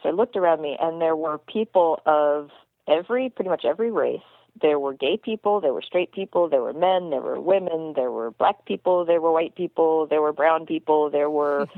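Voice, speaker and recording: A low-voiced woman co-hosts a casual radio show as a basketball commentator, chatting earnestly with many restarts and repeated words. She comes through a dry, tinny phone line with no echo.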